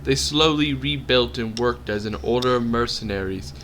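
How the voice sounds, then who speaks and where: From a home streaming setup, a man narrates a text game like a storybook, switching to character voices for quotations. His mid-range voice moves at normal speed with a fairly bright tone, over slight background noise.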